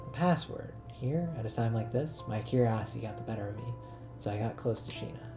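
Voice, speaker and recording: A man reading a game's narration aloud in a measured, plain voice. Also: mid-range voice, expressive. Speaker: let's-play narrator. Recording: voice over game music.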